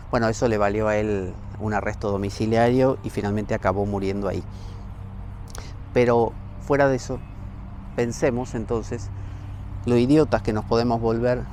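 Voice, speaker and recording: A man's voice: medium pitch, darkish tone. A man, a spiritual teacher giving a short spoken reflection in an emphatic, thoughtful way. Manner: emphatic, reflective, slows down to list words. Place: outdoors, facing a mountain.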